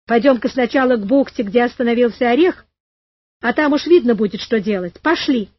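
A woman's voice: on the high side, brisk, no room sound, muffled recording, close to an everyday voice. A woman reading the lines of an anxious, kindly older male professor in a storybook. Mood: reassuring.

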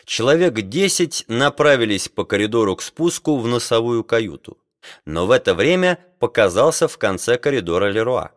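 A man reading an adventure novel aloud in steady, measured narration. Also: mid-range voice, dry recording, studio quality. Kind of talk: audiobook reading.

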